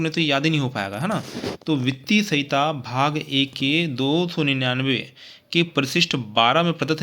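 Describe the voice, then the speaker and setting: A man's voice: a little high, a bit bright. A man teaching an exam-prep lesson, repeating points and checking in with frequent tag questions.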